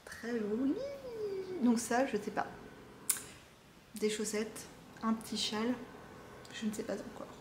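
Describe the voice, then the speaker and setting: A woman's voice: on the high side, steady tone, measured pace, long pauses, background noise. Chatty French-speaking woman in roomy workshop. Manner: chatty, lots of fillers and restarts. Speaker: knitting vlogger. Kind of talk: casual chat to camera. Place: home craft workshop. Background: jackhammer from far off.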